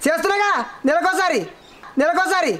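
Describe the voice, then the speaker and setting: A man's voice: very high voice, a little fast, heavy background noise. A man with a Telangana accent playing a lazy, stubborn village husband who fires back defensive comic retorts. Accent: Telangana Telugu. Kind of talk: comic short-film acting.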